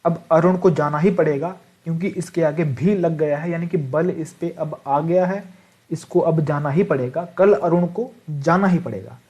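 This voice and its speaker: A male teacher with a slightly high but mellow, warm voice gives an online exam-prep grammar lesson. He writes on a board as he explains. He keeps asking rhetorical questions and checks in with the class after each point. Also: normal speed, highs cut off. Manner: repeats rhetorical questions and "ठीक है" to check understanding.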